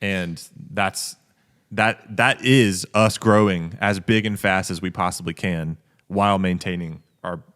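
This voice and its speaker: A man with a very low voice talks through business plans on a casual podcast. He sounds reflective and measured, and he circles back to the same phrases as he thinks aloud. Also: steady tone, a bit bright. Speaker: coffee company co-owner, podcast host.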